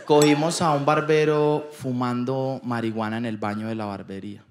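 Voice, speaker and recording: A man's voice: medium pitch, steady tone, moderate pace, roomy sound, over a noisy crowd. A man telling anecdotes in a casual chat, laughing often and slipping into voices. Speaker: podcast co-host.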